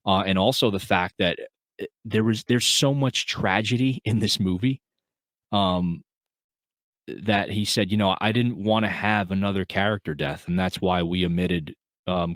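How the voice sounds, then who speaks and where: A man's voice: low-pitched, no room sound. A man co-hosting a film podcast, talking in an earnest, rambling way with lots of fillers and restarts. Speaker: podcast co-host. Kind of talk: casual film review chat.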